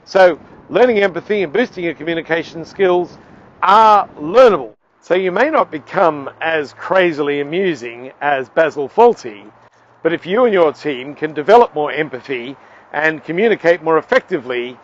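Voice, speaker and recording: A man giving a playful, lively piece to camera outdoors by the seaside as a communications trainer, with a few hesitant fillers. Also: a little high, moderate pace, highs cut off.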